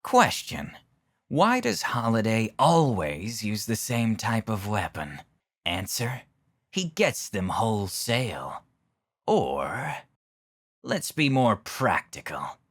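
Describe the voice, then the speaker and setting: A smug riddle-obsessed villain talks in a fairly low voice that swoops up and down. He takes his time over every phrase, pompous and theatrical, in a motion comic drama. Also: very animated, slow pace, fairly bright tone, exaggerated voice. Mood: smug theorizing. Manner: theatrical, self-questioning, pompous. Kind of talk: scripted motion comic acting.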